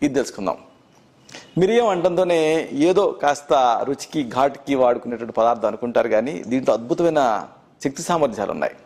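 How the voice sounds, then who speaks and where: A middle-aged man with a Telugu accent, an Ayurveda doctor calmly explaining home remedies step by step. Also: mid-range voice. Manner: measured, listing remedies in steady repeated phrases. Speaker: Ayurveda doctor presenting health tips. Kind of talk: instructional health talk.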